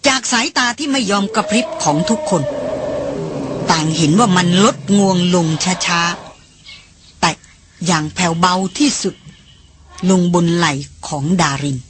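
A woman reading an adventure novel aloud as an audiobook in a steady, measured storytelling voice. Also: on the low side, background noise. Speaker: audiobook reader. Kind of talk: scripted narration.

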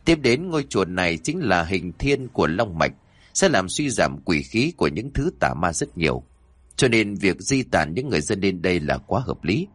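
Man playing a stern exorcist master, low and firm. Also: sing-song, normal speed, a bit bright, breathy edge, no room sound, exaggerated voice. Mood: admonishing. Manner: lecturing firmly, admonishing.

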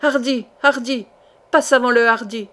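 A woman's voice: a little high, slow pace, a little mellow. A woman reading aloud, voicing a brave, generous young man who speaks in bold exclamations in a storybook reading.

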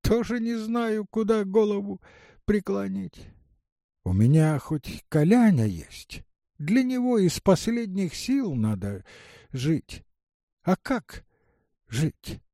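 A man's voice: sits high, big pitch swings, slow, warm tone, no echo, clean studio sound, voice pushed up, full character voice. A man reading an audiobook, voicing a touchy, dreamy old village woman who speaks earnestly. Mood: plaintive. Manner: earnest, plaintive, musing.

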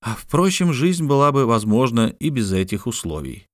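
Calm methodical scholar, read by a man, measured lecturing tone, dry close recording. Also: medium pitch, no room sound, lightly acted. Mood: explaining. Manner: measured, explaining.

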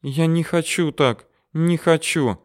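A man's voice: a little high, slow, pitched above the performer's own voice. A man voicing a frightened, tearful young woman who pleads through sobs. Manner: sobbing, pleading.

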